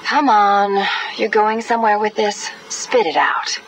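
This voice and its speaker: A sarcastic cat burglar on cassette tape. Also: female voice, medium pitch, flat delivery, a little slow, soft background music, poor audio. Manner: sarcastic, dismissive, defiant. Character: sharp-tongued, defiant female cat burglar prisoner. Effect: played back from an interview cassette tape. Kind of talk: video game voice acting.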